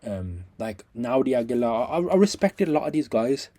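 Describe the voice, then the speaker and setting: Guy doing a scathing rant review, mellow voice, blunt n slangy, kinda repeats himself, fed up. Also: mid-range voice, big pitch swings, normal speed. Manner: scathing, aggrieved critique. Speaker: vlogger giving a review. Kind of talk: casual rambling video review.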